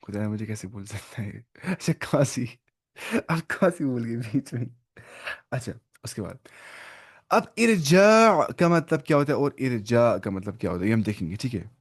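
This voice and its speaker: A man's voice: medium pitch, expressive, moderate pace, slightly rough. A man with an Urdu-speaking accent teaching an online Arabic lesson, thinking aloud, looking up words and correcting himself as he goes.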